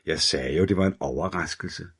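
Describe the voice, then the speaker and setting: Man voicing a metallic-voiced killer, taunting, slow and quiet, very deep voice, audiobook thriller. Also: husky. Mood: taunting, menacing. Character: menacing male killer with a metallic voice.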